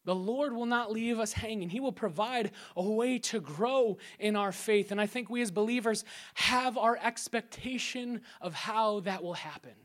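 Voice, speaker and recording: Lively preacher man acting out scripture. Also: high voice, normal speed, few pauses. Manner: lively preaching that drops to a hushed, prayerful tone in quoted prayers; acts out scripture scenes and crowd voices with playful sound effects. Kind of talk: sermon.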